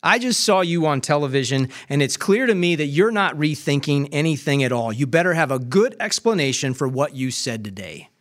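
A man's voice: mid-range voice, moderate pace, pauses often, natural voice. A man voicing a firm but caring male rabbi on the phone, speaking earnestly. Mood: stern.

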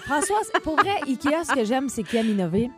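A woman's voice: high-pitched, sing-song, fairly quick, over music. A woman with a Québécois French accent co-hosting a radio morning show, joking and laughing often. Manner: giggly and jokey, laughs often. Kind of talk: playful radio banter.

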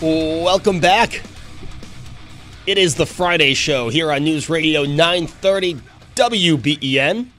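A man's voice: fairly high pitch, measured pace, bright, forceful tone, faint music behind. A man in his early thirties hosting a live talk radio show. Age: early 30s. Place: radio studio.

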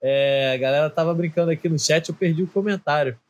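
A man's voice: fairly high pitch, fast, darkish tone, lo-fi sound. A man hosting a sports podcast, joking and reading out chat comments. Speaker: host.

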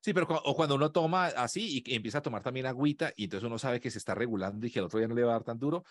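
A young man co-hosting a podcast, telling animated stories and laughing often. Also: medium pitch, racing, no room sound. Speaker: podcast co-host. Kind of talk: casual podcast chat.

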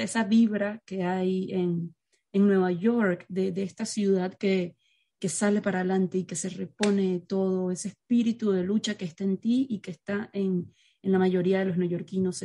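A woman from Venezuela interviewing a guest in an emphatic, warm way. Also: medium pitch. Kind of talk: conversational interview.

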